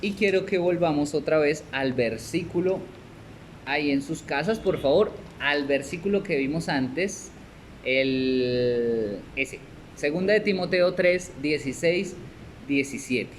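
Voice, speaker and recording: Colombian man, young adult, conversational discipleship teacher, somewhat high-pitched, faint background noise. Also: lively intonation, measured pace. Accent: Colombian Spanish. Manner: conversational, asks "¿cierto?" and "¿sí?" often, laughs, acts out little scenes. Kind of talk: teaching a Bible class.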